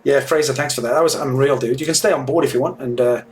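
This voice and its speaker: A man's voice: mid-range voice, fairly even intonation, quick pace. A man chatting casually and informally as he streams a flight simulator to viewers. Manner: matey, informal. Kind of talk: casual livestream chat.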